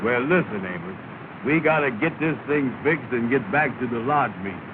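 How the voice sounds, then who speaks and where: A man's voice: medium pitch, lightly acted. Andy, a man playing a lazy bossy blowhard. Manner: slow, bossy, complaining dialect talk. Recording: tinny 1930 film soundtrack with hiss.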